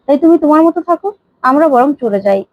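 A woman's voice: high voice, animated, quick pace, no echo, phone-quality sound. A woman voicing a cold young daughter-in-law who speaks curtly and dismissively.

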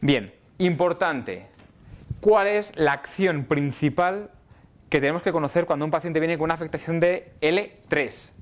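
A man's voice: a little high, a little slow. A middle-aged man lecturing physiotherapy students in a casual way, often checking in with "¿vale?". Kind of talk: university lecture. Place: lecture hall.

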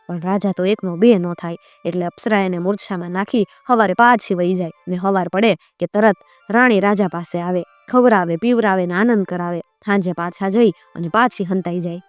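A woman narrating an old folk tale in a steady, homely storytelling manner. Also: medium pitch, dry recording.

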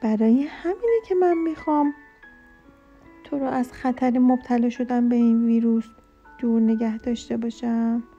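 A woman's voice: a little high, fairly even intonation, mellow, dull audio, faint music behind. A woman voicing a caring mother who is a scientist, reassuring her child in a read-aloud children's story.

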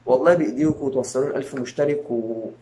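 Fast-talking Egyptian man vlogging. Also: mid-range voice, dark tone. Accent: Egyptian Arabic. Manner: rambling, many fillers and restarts. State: tired. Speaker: YouTube channel host. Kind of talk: casual channel update to viewers.

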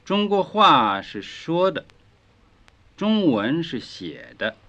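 Slow, lively-voiced man teaching a language lesson. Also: fairly high pitch. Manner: slow, carefully enunciated drill phrasing. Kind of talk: scripted language lesson dialogue. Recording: dull lo-fi 1950s record.

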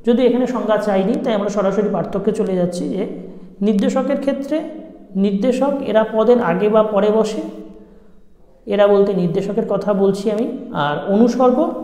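Mellow-voiced teacher in an echoey room. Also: mid-range voice. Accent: West Bengal Bengali. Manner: repeats key phrases slowly to stress them; asks questions and then answers them. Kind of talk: exam-prep grammar lesson. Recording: roomy with a long reverb tail.

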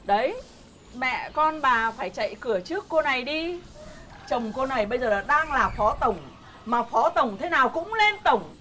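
A woman's voice: high voice, expressive, moderate pace, a bit bright, slight background noise. An actress playing a chatty, bossy older village woman who gossips. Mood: gossiping.

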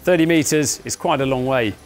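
A man in his thirties leads a walking tour of his company's factory and offices, speaking at a middle pitch. His delivery is measured and explanatory, with frequent "uh" fillers, and he sounds close to a clip-on mic. Faint music plays underneath. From England. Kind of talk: guided walking tour presentation. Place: large indoor offices and factory floor.

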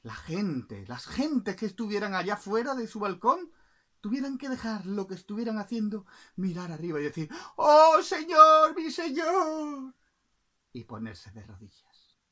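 A woman telling a folk tale to the camera in a playful, expressive way, with sound effects. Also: mid-range voice, moderate pace. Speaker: storyteller. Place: in front of a camera.

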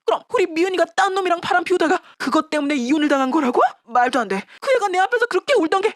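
A sharp-tongued older mother-in-law, acted by a woman, firing off scolding lines in a high, rapid voice. She stammers when caught off guard. The sound is dry and close. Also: lively intonation, no echo. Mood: shocked. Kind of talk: dramatized story voice acting.

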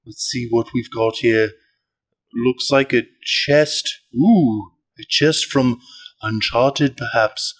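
Man doing a slow, polite golf announcer. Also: medium pitch. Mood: measured, polite. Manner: hushed-reverent golf commentator delivery, measured and deliberate. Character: mock golf announcer, male, polite, earnest, calling an unboxing. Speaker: commentator. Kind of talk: mock sports commentary.

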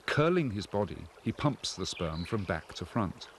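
Male nature documentary narrator, fairly deep, explanatory and measured, slightly noisy soundtrack. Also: very animated.

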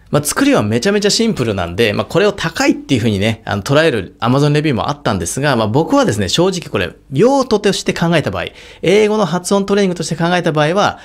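A man from Japan who teaches English on YouTube, reviewing a product in casual talk and sounding out consonants to demonstrate. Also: mid-range voice.

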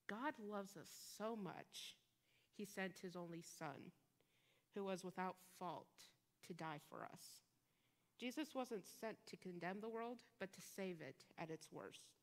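A woman delivers a sermon in a church sanctuary, her voice sitting slightly low. She speaks in measured phrases with emphatic pauses, and a long reverb trails behind each line. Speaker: guest preacher.

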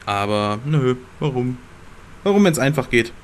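A young man commentating his gameplay in a slangy, excitable way and talking back to the game characters. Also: mid-range voice, unhurried, slight background noise. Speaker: let's play gamer.

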